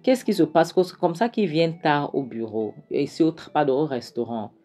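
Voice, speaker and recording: A woman voicing an insistent, suspicious mother questioning her daughter, in a low voice. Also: normal speed, warm tone, soft background music. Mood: suspicious, prying.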